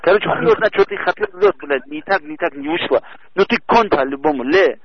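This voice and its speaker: A man's voice: on the high side, wildly swooping pitch, fairly quick. A man arguing over the phone, blunt and aggressive, swearing constantly. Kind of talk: heated phone conversation. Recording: muffled phone-call audio.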